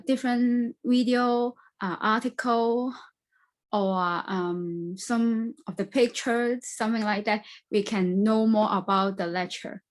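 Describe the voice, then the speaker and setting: Slow, halting woman from Hong Kong. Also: medium pitch. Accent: Hong Kong English. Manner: halting, searching for words in simple English. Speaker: student panelist. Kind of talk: answering panel questions on a video call.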